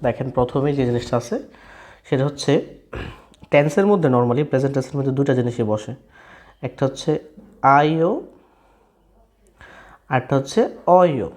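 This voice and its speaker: A man teaching a casual spoken lesson, repeating and rephrasing each step and often asking his listeners whether it is clear. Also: mid-range voice, normal speed, long pauses, darkish tone. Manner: checks in often with "clear, brother?". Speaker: language teacher.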